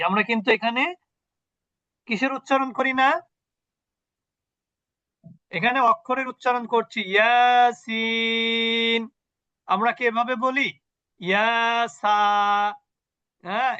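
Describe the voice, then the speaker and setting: Male recitation teacher, high and bright, unhurried, answers his own questions, dull dry call audio. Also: dry recording. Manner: asks questions and answers them himself, slow and deliberate. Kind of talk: online tajweed lesson. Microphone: video call.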